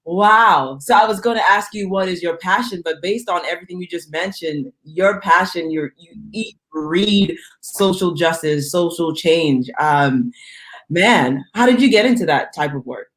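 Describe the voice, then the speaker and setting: A woman's voice: fairly low pitch, measured pace. A woman hosting a church videocast, talking in an upbeat, casual way and laughing easily with her guest. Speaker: videocast host. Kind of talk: casual interview chat.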